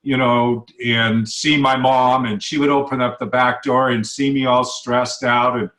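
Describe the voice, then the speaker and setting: A man's voice: medium pitch, fairly even intonation, a little slow, fairly bright tone, echoey room. A man hosting a radio interview show, chatting casually with lots of fillers and repeated words. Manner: conversational, with many fillers and repeats.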